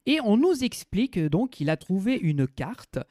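A man's voice: high-pitched, big pitch swings, normal speed, dark tone, no room sound, clean studio sound. A man co-hosting a casual podcast who walks listeners through a theme park ride in enthusiastic detail. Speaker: podcast co-host.

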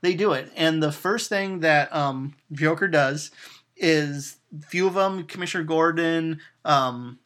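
A man with a slightly raised voice recaps a movie in relaxed, chatty conversation. He tells it with lively energy and slips into the characters' lines as he goes. He fills his pauses with plenty of ums. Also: fairly high pitch. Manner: animated storytelling, acting out quotes, frequent "um" fillers. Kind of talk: casual chat retelling a film.

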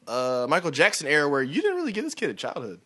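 A man guesting on a podcast, joking around in quick casual slang. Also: on the high side, huge pitch swings, pushed and bright. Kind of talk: casual chat.

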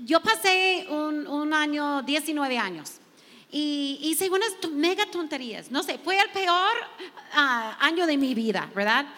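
A woman's voice: high-pitched, bright, forceful tone, big-room sound. A woman pastor, not a Spanish speaker, sharing heartfelt testimony and reading scripture to other women. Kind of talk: sermon-style sharing.

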